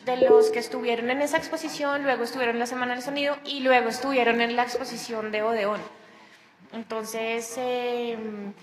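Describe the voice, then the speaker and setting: A woman's voice: on the high side, fairly bright tone, echoey room, slight background noise. A woman chatting casually on a radio program about a sound project, with many restarts. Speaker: guest, sound project organizer.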